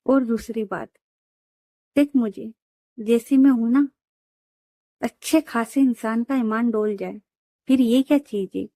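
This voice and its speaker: A woman's voice: a little high, measured pace, long pauses, dark tone, no echo, clean studio sound. A woman voicing a bold, teasing young woman who talks in a cheeky, boastful way in a Hindi audio love story.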